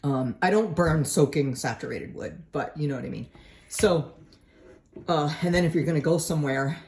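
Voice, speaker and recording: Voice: medium pitch, a little mellow, slight background noise. Casual home vlogger from New England, chatty how-to delivery, indoors by the stove, phone-camera feel. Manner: chatty and informal, with frequent tag questions. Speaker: home vlogger explaining a woodstove to a friend. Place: at home beside a woodstove, indoors.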